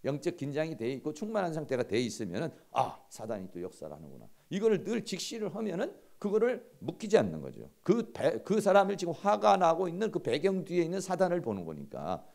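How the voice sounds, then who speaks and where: A middle-aged man giving a seminary lecture in a conversational, animated way, acting out everyday quarrels. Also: a little high, quick pace, vocal fry, few pauses.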